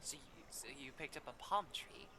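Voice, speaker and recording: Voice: medium pitch, lively intonation, normal speed, noisy background. A streamer playing a game, reading in-game texts and making jokey asides. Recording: game music playing behind. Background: game music.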